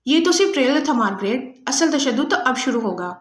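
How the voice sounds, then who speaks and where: A woman's voice: high voice, lively intonation, echoey room. A woman doing a sneering, ruthless female agent. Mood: sarcastic menace. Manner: mocking, sarcastic, menacing. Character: ruthless female agent, cold and sarcastic torturer.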